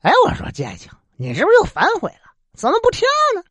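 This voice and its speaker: A woman's voice: huge pitch swings, breathy edge, no echo, exaggerated voice. A woman voicing an imperious, teasing old male emperor in a traditional told story, barking his questions. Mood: scolding. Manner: bossy, high and quick when scolding.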